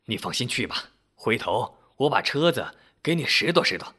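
A man voicing a blunt, loud middle-aged street bike repairman who scoffs and talks bluntly in a storytelling recording. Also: medium pitch, big pitch swings, moderate pace, husky, heavily acted. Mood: earnest.

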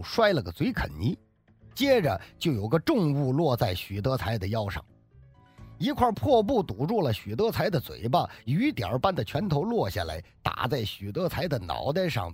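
A man with a husky, slightly raised voice tells a story vividly, his pitch swinging widely from line to line. Soft music sits underneath the narration. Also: no room sound. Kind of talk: dramatic storytelling.

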